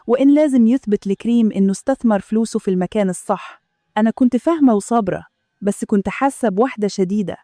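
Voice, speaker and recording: A woman with an Egyptian accent narrating a first-person story in a steady, measured way. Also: medium pitch, no echo, clean studio sound. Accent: Egyptian Arabic.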